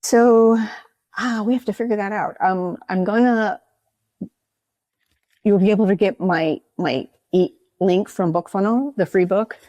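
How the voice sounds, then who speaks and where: A woman's voice: medium pitch, unhurried, mellow, no echo. A woman author speaking as an interview guest, rambling and explaining at length. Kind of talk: casual interview chat.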